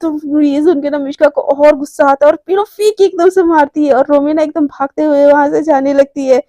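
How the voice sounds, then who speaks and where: A woman's voice: high voice, steady tone, moderate pace, mellow, no room sound. A woman casually narrating a romance story, chatty, acting out the characters' lines herself.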